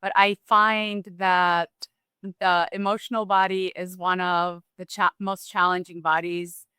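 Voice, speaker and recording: A woman from Romania talking as a guest in a relaxed, thoughtful interview, with restarts and small laughs. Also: lowish voice, measured pace, clean tone, dry recording. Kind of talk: casual conversational interview.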